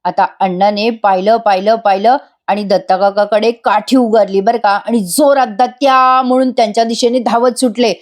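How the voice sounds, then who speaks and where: A woman's voice: mid-range voice, steady tone, moderate pace, a little mellow. A woman narrating a scripted voice-over recap of a TV serial, talking straight to her viewers. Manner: chatty, addresses viewers directly.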